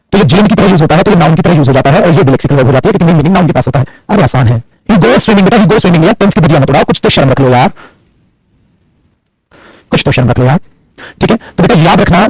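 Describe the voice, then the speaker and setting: Fast, husky male grammar teacher. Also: sits high, darkish tone, low-quality recording. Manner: addresses students as beta and putra ji, asks and answers his own questions; mixes Hindi explanation with English example sentences. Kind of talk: online grammar lesson.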